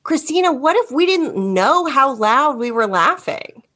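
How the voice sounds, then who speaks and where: A woman co-hosting a podcast, chatting in a playful, expressive way. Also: high-pitched, measured pace. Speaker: podcast co-host. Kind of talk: casual chat.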